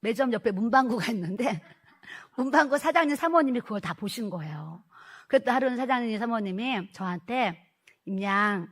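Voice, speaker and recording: A middle-aged female pastor preaches a sermon built on her own testimony, recounting it with energy and performing the dialogue herself. Her voice sits slightly high and her delivery is brisk.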